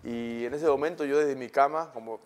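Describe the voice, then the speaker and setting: A man in his thirties with a Peruvian Spanish accent, a guest telling stories in a relaxed, slangy way, often tagging his sentences with questions. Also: medium pitch, normal speed, soft background music. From Peru. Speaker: guest, former footballer. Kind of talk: casual interview storytelling.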